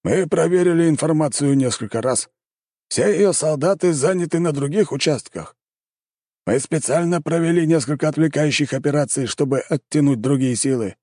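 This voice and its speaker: A man's voice: on the high side, moderate pace, mellow, no room sound, pitched above the performer's own voice, lightly acted. A man plays a stern commander in an audiobook, firm and emphatic, his voice lifted above the narration. Dry, close recording. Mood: insistent. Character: stern insistent male army commander.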